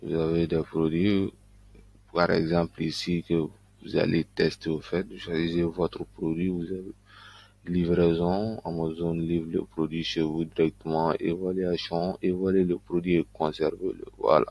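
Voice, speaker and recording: Low-voiced man walking through a tutorial. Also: flat delivery, creaky, no echo, dull audio. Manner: loose and halting, with frequent verbal fillers. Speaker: online business YouTuber. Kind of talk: casual screen-recording tutorial.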